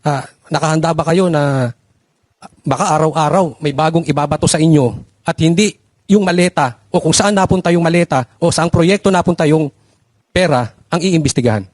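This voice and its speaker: Higher-voiced man, measured and pressing. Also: no echo. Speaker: vlogger. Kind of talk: panel questioning.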